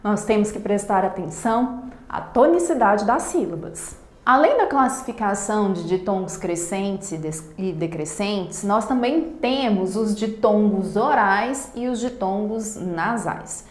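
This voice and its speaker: A woman teacher from Brazil giving a recorded grammar lesson, explaining slowly and stressing each example word. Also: medium pitch, lively intonation, reverberant.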